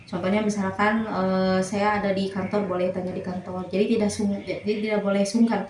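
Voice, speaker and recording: A woman's voice: mid-range voice, level tone, fairly quick, a little mellow. A woman teacher answering interview questions, explaining earnestly with examples and frequent hesitations. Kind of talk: casual interview conversation. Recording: echoey room with faint noise.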